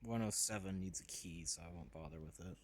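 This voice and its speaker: A man's voice: low voice, a little fast, slight background noise. A man chatting casually with friends while streaming a game live, joking and laughing easily. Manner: chatty, laughs easily, bursts into silly voices.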